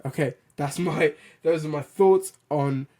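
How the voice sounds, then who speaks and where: In a loud, fairly high voice at a measured pace, this film and TV news show host launches into an animated, opinionated solo commentary. He speaks bluntly, restarts sentences and swears casually.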